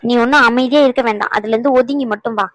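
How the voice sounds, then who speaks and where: A woman voices a level-headed older sister who settles a family fight in a cartoon. She scolds and soothes in turn, her voice a little high and recorded close and dry. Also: very fast, a bit bright, no room sound, close to an everyday voice, rough recording. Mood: firm. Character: calm older sister figure who mediates. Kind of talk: cartoon voice acting.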